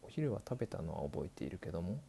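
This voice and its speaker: A man's voice: sits low, very animated, fast talker, gravelly, mellow, a little hiss or hum, pitched below the performer's own voice, exaggerated voice. A man voicing an elderly male doctor who patiently explains, dragging out his old-fashioned sentence endings. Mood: explaining. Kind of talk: scripted explainer dialogue.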